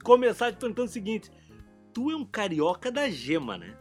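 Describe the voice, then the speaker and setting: High-voiced upbeat radio host man. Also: huge pitch swings, music in the background. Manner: upbeat, chummy, rapid-fire banter. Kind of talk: live radio interview. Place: radio studio.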